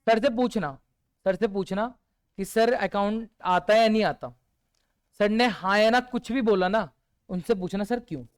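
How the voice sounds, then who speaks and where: A male teacher giving a revision lecture who keeps asking his students rhetorical questions and answers many of them himself with quiet one-word replies. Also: high-pitched, unhurried, clean tone.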